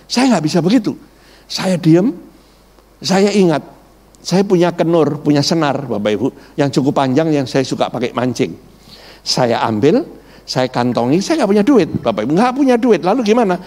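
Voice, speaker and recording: A man's voice: on the high side, normal speed. A middle-aged man, a pastor, preaching a sermon built around a personal testimony, telling his story animatedly and repeatedly addressing the congregation. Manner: animated storytelling, acts out quoted voices, repeats "Bapak Ibu".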